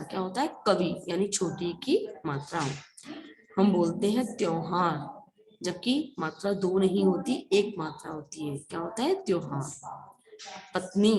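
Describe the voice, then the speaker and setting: A woman teaching an online school class, asking questions and then answering them herself as she goes through word lists. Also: fairly low pitch. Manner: asks and answers her own questions while drilling words.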